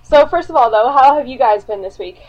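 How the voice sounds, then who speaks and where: A woman's voice: high-pitched, animated, a little fast, a little mellow. A young woman hosting a casual fan podcast, chatty with lots of filler words. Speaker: podcast host. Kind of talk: casual chat. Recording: dull lo-fi sound.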